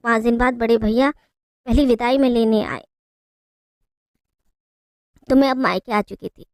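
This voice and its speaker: A woman narrating a heartfelt family story in the first person, in a plaintive, expressive way. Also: a little high, measured pace, no room sound.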